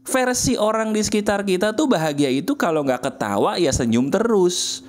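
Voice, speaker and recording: A man's voice: big pitch swings, moderate pace. Coaxing male motivational speaker. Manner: intimate, coaxing, with frequent repetition and rhetorical questions; swings between soft low murmurs and high emphatic bursts. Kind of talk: motivational monologue to the viewer.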